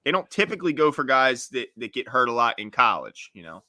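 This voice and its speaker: A man's voice: mid-range voice, very animated, brisk, bright, forceful tone. A man co-hosting a live sports talk draft show, breaking down trades in an easygoing, joking way. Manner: easygoing, analytical, jokey. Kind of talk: casual draft-night chat. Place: studio.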